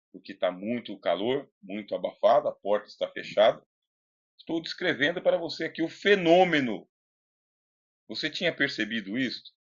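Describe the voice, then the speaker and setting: A man with a Brazilian accent gives an informal recorded philosophy lecture, conversational and didactic, posing questions to the listener and reading passages aloud. His voice is on the low side and a bit bright. He's close to a Bluetooth microphone in a closed indoor room, and the computer audio is lo-fi and slightly dull.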